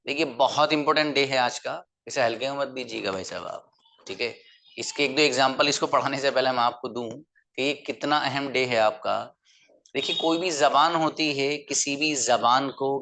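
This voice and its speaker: A man teaching an online class, explaining patiently and repeating words slowly for the learners to copy. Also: mid-range voice, bright, forceful tone. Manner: patient, repeats words slowly for drilling, addresses listeners as brother.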